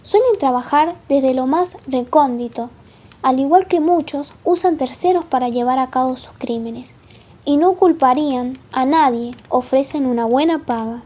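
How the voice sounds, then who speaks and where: A woman playing a polite, probing male police detective in a formal, measured radio play style. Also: sits high, a little mellow. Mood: confident, accusing. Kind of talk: amateur radio play acting.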